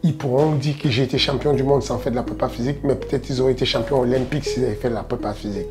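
A man's voice: mid-range voice, fairly even intonation, very fast. A man, a fitness coach, explaining training with assurance in a documentary interview. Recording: music bed under the voice.

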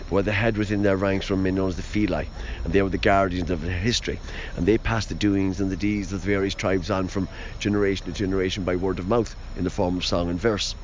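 Deep-voiced lilting Irish storyteller man. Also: steady tone, fast talker, hardly any pauses. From Ireland. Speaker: storyteller and ghost tour guide. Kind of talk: spontaneous storytelling in an interview. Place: outdoors in a parking lot. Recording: muffled field recording, noisy outdoor traffic.

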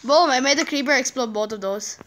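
A young woman with a high, bright voice talks through a video game session. She chats casually and bursts into excited exclamations as things happen. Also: a little fast, noisy background. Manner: excitable, chatty, frequent exclamations. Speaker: gamer.

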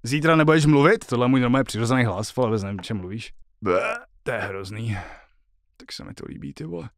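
A man's voice: medium pitch, animated, dry recording, studio quality. A male streamer at home, chatting casually and joking with a lot of swearing while he works out a song. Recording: loud guitar music behind the voice.

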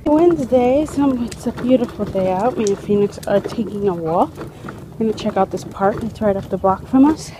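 A young woman narrates her family vlog into a handheld camera, chatty and gushing, often slipping into soft half-whispers. Her voice sits at an ordinary middle pitch. A steady hiss of background noise runs under the recording. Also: moderate pace. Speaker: vlogger and mother. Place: home indoors, then an outdoor park.

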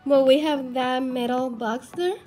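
A woman with a high, bright-pitched voice talks casually and unhurriedly into her phone, playful and quick to laugh. Music plays clearly behind her. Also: fairly even intonation. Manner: chatty and playful, with little laughs. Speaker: vlogger. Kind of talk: casual vlog narration.

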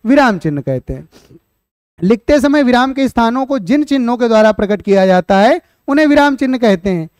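In an online Hindi exam-prep class, a man with a very high-pitched, animated voice talks a little fast, explaining points and then repeating questions back to his students. His tone is darkish and smooth, recorded cleanly in a studio with no echo, and he slips in chatty asides calling viewers "beta."

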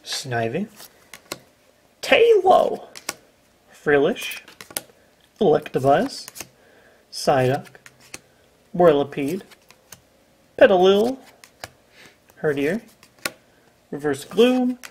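Laid-back young man, slow deadpan listing with wry asides and lively pitch. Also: breathy edge. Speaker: guest co-host. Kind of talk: casual chat, reading out card names.

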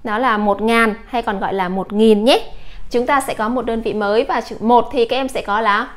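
A woman English teacher from Vietnam giving a patient lesson, slowly modeling English words for her students. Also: fairly high pitch, steady tone. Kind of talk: classroom lesson.

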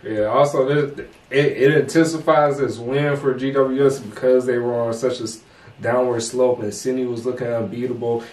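A man's voice: medium pitch, fairly even intonation, moderate pace, a little mellow. Young guy chatting about last night's games, chill and slangy, echoey room, mic kinda far off. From United States. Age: young adult. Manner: laid-back, slangy, drops "bro" and "man". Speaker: co-host. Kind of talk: casual sports recap chat. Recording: roomy echo, mic at a distance.

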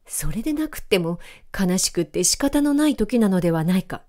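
A woman voicing a dignified female spirit of light, measured and reproving, in a storybook reading. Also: medium pitch, sing-song, warm tone, natural voice. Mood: stern.

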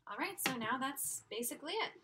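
A woman's voice: high voice, lively intonation, fairly quick. Chatty young woman cooking at home. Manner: chatty and upbeat, moving around while cooking. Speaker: cooking instructor. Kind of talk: casual cooking demonstration. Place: small home kitchen. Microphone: laptop webcam at a distance. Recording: loud cooking noise and clicks.

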